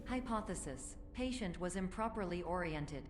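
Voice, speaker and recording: Give me a glitching robotic AI system with a low voice, flat and clipped, in echoey game audio. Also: female voice, normal speed, slight background noise. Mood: malfunctioning. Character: malfunctioning female AI therapy system. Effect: glitching robotic computer voice.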